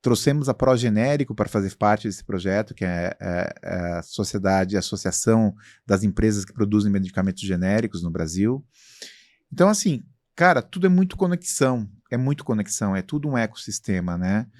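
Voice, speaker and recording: A man's voice: on the low side, expressive, brisk, a little mellow, no room sound, clean studio sound. A Brazilian man being interviewed about his company, talking in a self-assured, expansive way with many fillers. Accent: Brazilian Portuguese. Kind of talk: casual interview talk.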